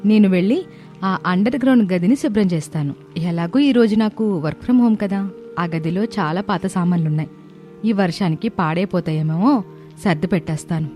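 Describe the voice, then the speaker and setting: A young woman voicing a kind, earnest daughter-in-law in an animated family story. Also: fairly low pitch, moderate pace, faint music behind, natural voice. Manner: earnest, warm-hearted speaking. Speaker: voice actor.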